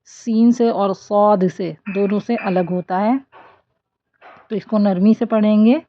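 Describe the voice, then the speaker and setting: A woman teaches recitation in an online class, explaining each sound and then reciting the lines slowly, drawing them out. Her voice sits at a middle pitch. The audio is dull and lo-fi, with a dry, close sound and no room echo. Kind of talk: online tajweed lesson.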